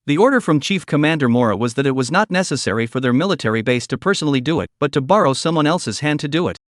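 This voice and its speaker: A man narrating a dramatic recap story in a scripted, animated reading style. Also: on the high side, quick pace, no room sound, clean studio sound.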